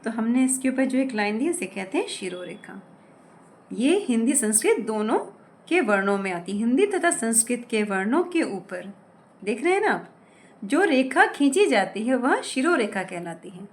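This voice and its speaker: A woman teaching a grammar lesson, spelling words out slowly and carefully, asking questions and answering them herself. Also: a little high, big pitch swings. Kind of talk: explaining lesson with examples.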